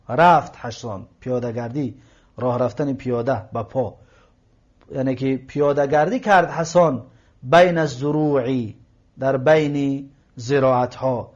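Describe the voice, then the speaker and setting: A man teaching a grammar lesson, going through a text word by word, translating and parsing it, and often repeating phrases as he explains. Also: on the high side. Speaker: Arabic teacher. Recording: lo-fi muffled recording.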